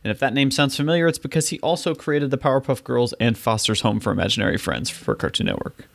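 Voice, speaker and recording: A man's voice: medium pitch, fast, vocal fry. A man hosting a podcast in a casual, conversational style. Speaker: podcast host. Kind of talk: casual chat.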